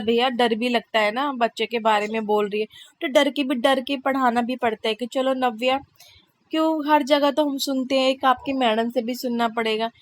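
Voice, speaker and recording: Mom vlogging her day, chatty and fed up, kinda high voice, funny complaining. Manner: chatty, exasperated, complaining humor. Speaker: vlogger, mother. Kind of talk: casual voice-over vlog narration.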